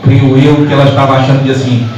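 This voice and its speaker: Fervent Brazilian preacher in an echoey hall. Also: male voice, medium pitch, level tone, fast, a little mellow. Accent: Brazilian Portuguese. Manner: retells scripture with voiced dialogue, builds into rising fervent exhortation. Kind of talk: Pentecostal sermon. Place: church hall. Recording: very echoey church hall, mic at a distance, faint background hiss.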